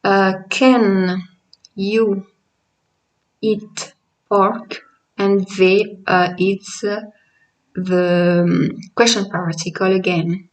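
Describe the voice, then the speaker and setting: Patiently and without hurry, a native Italian-speaking woman teaches a language lesson, pausing often and using fillers, her accent clearly Italian. Her mid-pitched voice shows little pitch movement and comes through a rough recording made from a distance.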